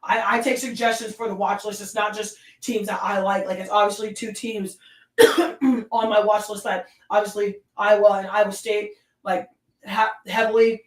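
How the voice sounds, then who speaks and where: A woman with a Southern accent hosting her own sports talk stream, ranting with emphatic, animated delivery. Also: medium pitch, normal speed, reverberant, far from the mic, poor audio. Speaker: sports show host.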